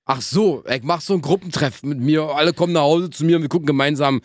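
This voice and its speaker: A man co-hosting a podcast, teasing his partner with quick comebacks and frequent laughter. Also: a little high, no echo. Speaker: podcast co-host. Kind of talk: casual comedic chat.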